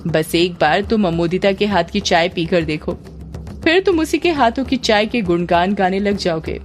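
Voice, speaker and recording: A woman's voice: mid-range voice, lively intonation, moderate pace, soft background music, natural voice. A woman voicing a scheming, bossy middle-aged mother who scolds and pushes others around in a spoken story. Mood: pushy scolding. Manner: scolding, pushy.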